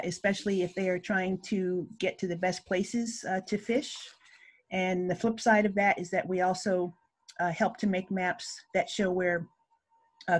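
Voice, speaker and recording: A woman in her sixties, raised in Hawaii, speaking on a video call panel and hesitating often with filler sounds. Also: on the low side. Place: home room.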